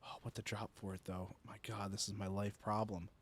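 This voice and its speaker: A man's voice: fairly low pitch, level tone, a little fast, breathy edge. A man streaming a shooter game with friends, chatting casually, laughing often and making playful sound effects. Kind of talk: casual gaming chat.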